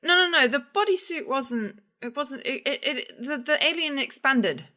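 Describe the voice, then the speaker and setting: Lively, sarcastic woman. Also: sits high. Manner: sarcastic quips, quick objections. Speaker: podcast co-host. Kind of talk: casual film chat.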